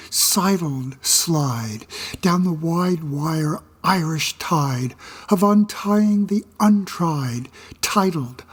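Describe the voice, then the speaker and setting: A speaker reciting tongue twisters in a drawn-out, deliberate way, phrase by phrase. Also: mid-range voice, slightly rough.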